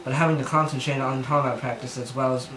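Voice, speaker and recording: A man's voice: mid-range voice, steady tone, fast, a crowd in the background. A man giving a comic dramatic reading of fan fiction in his bedroom, rambling and self-conscious, often stumbling over words, on a camera mic. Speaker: amateur reader. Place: bedroom at home. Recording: echoey room with background noise.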